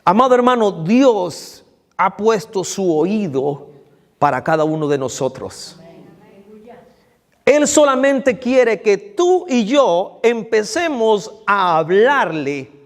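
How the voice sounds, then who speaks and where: A man with a high voice preaches an evening sermon in a church hall, the long reverb trailing after his words. He talks slowly and deliberately, turning to the congregation with direct questions and repeating key phrases for emphasis. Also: big pitch swings.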